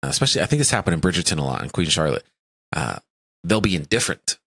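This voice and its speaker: A man with a Southern US accent, co-hosting a music reaction video, animated and quick to act out little scenes. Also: sits low, vocal fry, husky. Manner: animated, laughs often, acts out lines. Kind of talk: casual chat.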